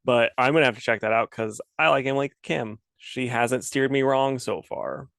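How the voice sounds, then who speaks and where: Male co-host, casual chat, lively and jokey, dry close mic. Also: medium pitch, moderate pace, creaky, dry recording. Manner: animated, laughs a lot, puts on joking voices. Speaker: podcast co-host.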